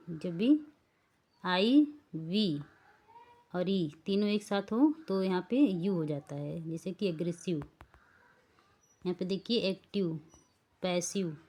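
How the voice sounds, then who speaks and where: A woman's voice: on the low side, takes it slowly, pauses often, dark tone. A woman teaching English pronunciation rules, spelling words out letter by letter and checking that the learners follow. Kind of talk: slow spelling-rule lesson.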